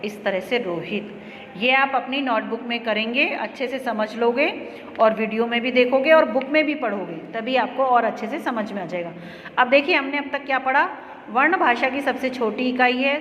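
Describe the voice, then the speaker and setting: A woman's voice: a little high, fairly bright tone, highs cut off. Woman teacher in an echoey room. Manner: slow, explaining step by step to children. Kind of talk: classroom grammar lesson. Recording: echoey room with long reverb and faint noise.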